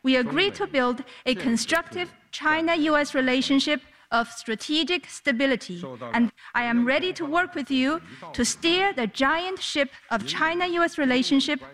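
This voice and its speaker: A woman working as a live interpreter, giving a formal, measured rendering of a leader's speech as it happens. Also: high voice, a bit bright.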